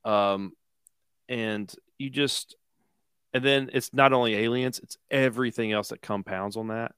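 A man's voice: mid-range voice, steady tone, unhurried, fairly bright tone, smooth, no room sound, studio quality. A man co-hosting a podcast, talking casually, rambling and joking with some profanity. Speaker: podcast co-host. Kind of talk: casual chat.

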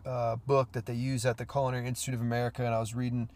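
A man's voice: mid-range voice, rapid-fire, no room sound. Stuffy-nosed man hosting a podcast. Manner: relaxed, rambling with many fillers. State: stuffy from a cold. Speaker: podcast host, cook. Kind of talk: casual solo podcast talk.

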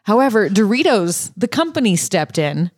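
A woman co-hosting a casual podcast chat, telling stories in a chatty, animated way. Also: mid-range voice, moderate pace, dry recording, clean studio sound. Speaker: podcast co-host.

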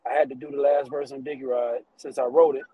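A man's voice: mid-range voice, little pitch movement, quick pace, slightly rough, no room sound, lo-fi sound. A man being interviewed as a rapper, talking in a laid-back casual way.

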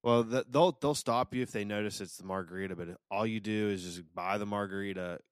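A man's voice: lowish voice, brisk, clean tone, no room sound, studio quality. A young man in a casual, slangy chat with friends, dropping swear words. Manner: slangy, profane.

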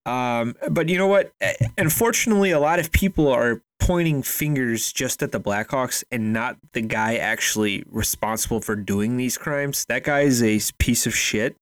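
A man's voice: mid-range voice, moderate pace, few pauses, no room sound. A man co-hosting a casual sports podcast, giving opinions in a blunt, emphatic, colloquial way.

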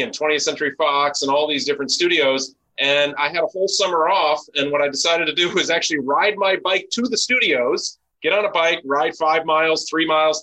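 Business owner guy from chicago on a podcast, bright forceful voice, a bit high, eager storyteller. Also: poor audio. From Chicago, raised in Los Angeles. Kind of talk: interview storytelling.

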